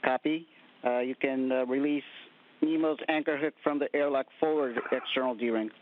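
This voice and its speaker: A man's voice: mid-range voice, steady tone. Man on a narrow space radio loop. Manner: brief, measured acknowledgements and instructions. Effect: space-to-ground radio loop. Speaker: ground controller talking to spacewalkers. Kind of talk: clipped radio calls. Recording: narrow, phone-like radio audio.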